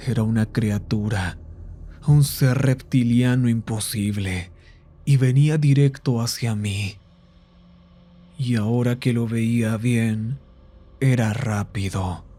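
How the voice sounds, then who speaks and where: A man narrating a horror story in a scripted, measured style. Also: mid-range voice, mellow. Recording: faint music underneath.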